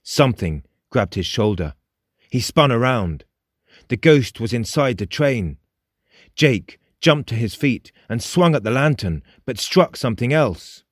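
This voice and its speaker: A male narrator reads a suspenseful story in a measured, dramatic way, slowing down on the tense moments. His voice sits at an ordinary middle pitch. The sound is close and dry, with no room around it. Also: very animated, no echo. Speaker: audiobook narrator.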